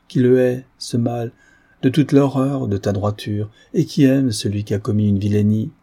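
A man's voice: fairly low pitch, warm tone, breathy edge. A man reading a remorseful despairing old father. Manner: impassioned, confessional, declamatory. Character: guilt-ridden aging father, remorseful and despairing.

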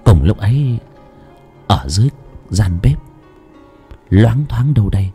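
A man's voice: fairly low pitch, animated, measured pace, mellow, soft background music. A man narrating a lurid village horror story. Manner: dramatic, lurid.

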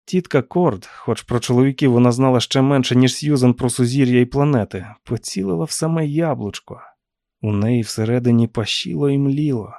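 Calm male audiobook narrator. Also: dry recording, clean studio sound. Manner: calm, measured, low-key reading.

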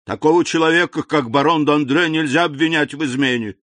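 A man's voice: on the high side, a little fast, a bit bright, no room sound, voice pushed up, lightly acted. A man voicing a loyal, pompous duke who defends a colleague earnestly. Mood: insistent. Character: loyal pompous duke, middle-aged courtier.

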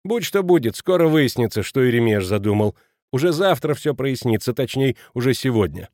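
A man reading an audiobook, voicing a thoughtful, stubborn villager who muses deliberately. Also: mid-range voice, expressive, a little mellow, dry recording, clean studio sound, lightly acted. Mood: musing. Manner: musing, deliberate.

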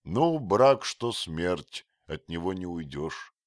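A man voicing a blunt, hot-tempered young archer who speaks loudly and forcefully in a read-aloud story. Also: sits low, lively intonation, measured pace, no echo, studio quality, voice pushed up. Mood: gruff. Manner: loud and forceful.

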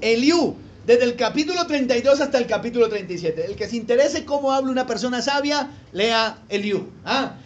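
A man's voice: very high-pitched, expressive, fairly quick, hardly any pauses, lo-fi sound, slight background noise. A man preaching a sermon as pastor, throwing rhetorical questions at his congregation. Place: church hall with congregation.

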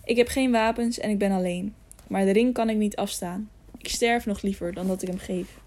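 A brave but frightened young squire from a storybook, pleading earnestly in a mellow, warm voice, as a woman reads him aloud. He speaks softly and sincerely. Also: medium pitch, fairly even intonation, moderate pace, slight background noise, natural voice. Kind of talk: audiobook reading.

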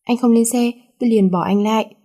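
A woman's voice: a little high, steady tone, brisk, mellow, natural voice. A woman voicing a feisty teenage schoolgirl who scolds and then coaxes sweetly, her voice raised above her narrating tone. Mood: scolding. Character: feisty teenage schoolgirl, bossy yet caring.

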